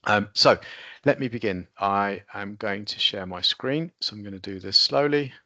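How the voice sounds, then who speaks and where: A man's voice: on the low side, moderate pace, bright, forceful tone, no echo, lo-fi sound. A man hosting a business webinar over a video call, presenting in a loose, conversational way. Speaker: webinar host. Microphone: computer mic on a video call.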